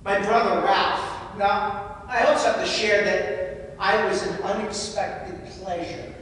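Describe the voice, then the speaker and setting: A man's voice: sits high, steady tone, takes it slowly, a bit bright. A man giving a sermon, telling personal stories and sometimes moved by emotion. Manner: personal storytelling, emotional at times. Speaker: homilist. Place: large church. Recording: echoey church hall from far off.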